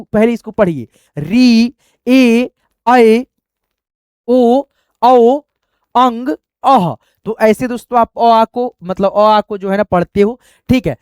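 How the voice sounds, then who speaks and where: A patient male teacher explains a lesson slowly and step by step, returning again and again to the same point. He keeps checking that his students follow with short tag questions. The sound is dry, with no room echo. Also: sits high, darkish tone, clean tone. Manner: patient, repetitive, often addresses listeners as friends. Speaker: Hindi and English teacher.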